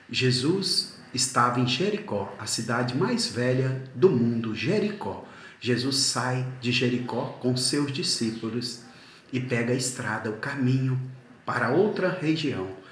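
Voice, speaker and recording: A man preaching a sermon at an unhurried, deliberate pace, with a medium-pitched voice. His words ring in a roomy, echoing space, and a faint ambience sits behind him. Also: a bit bright, a little hiss or hum. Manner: slow, earnest storytelling. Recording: echoey room.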